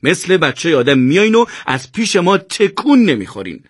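A man's voice: mid-range voice, animated, a bit bright, dry recording, studio quality, close to an everyday voice. A man voicing an exasperated young male soldier who scolds and threatens his friends in a radio novel reading. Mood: scolding.

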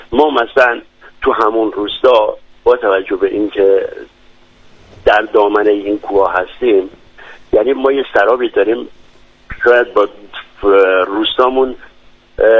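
An eager man talks about his home region on the radio, pausing and restarting as he searches for words. His voice sits at an ordinary pitch. The sound is dry and dull, with a lo-fi radio quality. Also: dry recording. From Lorestan, Iran. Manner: enthusiastic, descriptive, many hesitations. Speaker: guest from a village. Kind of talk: radio interview.

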